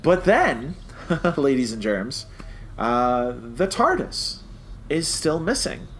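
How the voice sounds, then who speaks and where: A podcast co-host chats casually and animatedly as a fan giving a review, acting out his reactions along the way. His voice sits on the high side, slow, sing-song, and a bit bright, with clear background noise.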